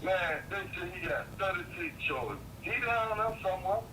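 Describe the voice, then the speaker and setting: A man's voice: high voice, animated, normal speed, recorded from a distance. A man chatting casually over a landline phone, telling stories in slangy, profane, repetitive talk. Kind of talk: casual phone chat, storytelling. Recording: noisy muffled landline jail phone call.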